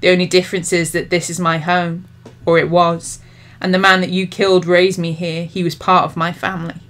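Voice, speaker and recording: A woman's voice: fairly low pitch, level tone, a little fast, a bit bright, natural voice. A woman reading a determined, defiant young woman confronting a demon. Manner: firm and defiant.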